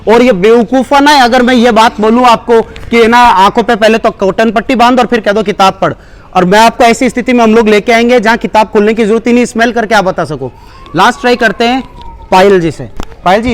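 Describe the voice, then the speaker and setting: A man's voice: high voice, a little fast. A man giving a live demonstration speech at a school seminar, coaxing the children and mixing in English phrases. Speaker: seminar presenter.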